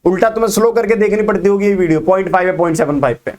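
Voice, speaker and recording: A man teaching a business studies class in a brisk, energetic lecture style, mixing with terms and firing quick questions at his students. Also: high voice. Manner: fast-talking, quizzes students with quick questions.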